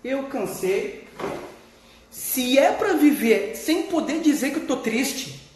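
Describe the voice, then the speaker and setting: A man's voice: very high voice, animated, takes it slowly, a little mellow, slight background noise. A man with a Gaúcho Brazilian accent, a therapist talking candidly in a casual vlog, swearing freely and laughing as he talks. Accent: Gaúcho Brazilian Portuguese. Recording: echoey room.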